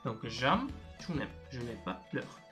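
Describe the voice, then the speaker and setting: Slow, patient male language teacher. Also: mid-range voice, very animated, music in the background. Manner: patient, repeats words slowly for learners. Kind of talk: video lesson, explaining step by step.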